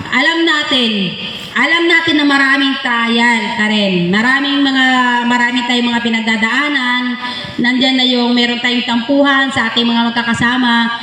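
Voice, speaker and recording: A woman's voice: on the high side, pushed and bright. A Filipino woman giving a motivational ceremony speech to trainees, rallying her listeners and checking in with short tag questions. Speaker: volunteer organization officer giving a graduation address. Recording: echoey hall with long reverb, faint noise.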